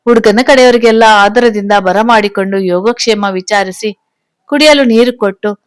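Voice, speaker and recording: A woman's voice: mid-range voice, moderate pace, no echo. Dry-voiced woman narrating a story. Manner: reads all characters' lines in her own voice.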